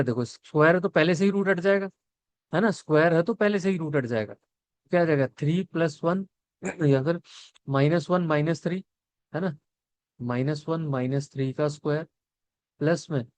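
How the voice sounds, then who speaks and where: A man's voice: a little high, moderate pace, no echo. A young man teaching a maths lesson, talking through each step and asking his students questions as he works. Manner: explains step by step, asks the students questions and answers them; mixes Hindi and English.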